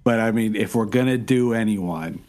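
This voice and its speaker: A man's voice: fairly low pitch, moderate pace, darkish tone. A man playing a tabletop game, blunt and joking in casual talk. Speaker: player. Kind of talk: casual tabletop role-play.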